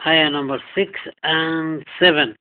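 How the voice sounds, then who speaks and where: A man's voice: on the high side, steady tone, clear, resonant tone. Man teaching recitation over a tinny line. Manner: alternates brisk explanation with slow drawn-out chanting of verses. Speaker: teacher of Quranic recitation readings. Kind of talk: recitation lesson with chanted examples. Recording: tinny phone-like recording.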